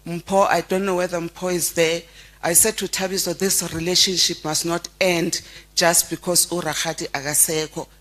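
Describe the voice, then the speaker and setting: A middle-aged South African woman, a close family friend, giving a heartfelt memorial tribute and telling stories with frequent halting restarts. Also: on the low side, level tone, fairly bright tone. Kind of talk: memorial eulogy.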